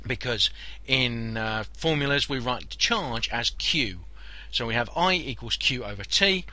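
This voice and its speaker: A man's voice: mid-range voice, bright, forceful tone. A man giving an informal physics lesson as a podcast teacher, conversational and repeating key points for emphasis. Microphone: body-worn mic near the shirt.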